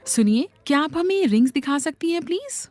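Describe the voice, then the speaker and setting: A woman's voice: high-pitched, lively intonation, a little fast, darkish tone, soft background music. A woman doing Sara, a cheerful young bride. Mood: warm. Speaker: voice actor. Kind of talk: Hindi dub acting.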